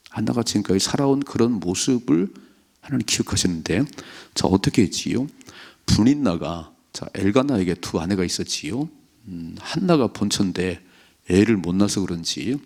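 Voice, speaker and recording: A man's voice: low-pitched, creaky, a little mellow, breathy edge. A male pastor giving an early morning sermon in a conversational preaching manner, acting out the voices of people in the story.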